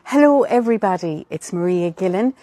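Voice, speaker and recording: A woman's voice: medium pitch, lively intonation, fairly quick, dark tone, dry recording. A woman with a Cork Irish accent speaking as a traditional storyteller, in a lilting, lyrical way, as she chats to promote her storytelling. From Ireland. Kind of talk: promotional chat in a storyteller's manner.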